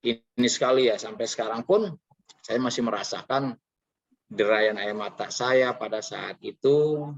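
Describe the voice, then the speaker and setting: A man tells a heartfelt personal testimony in an earnest, confessional way, pausing often on filler sounds. His voice has a gravelly, creaky edge. The recording is dull and lo-fi. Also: fairly low pitch. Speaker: training participant sharing his experience.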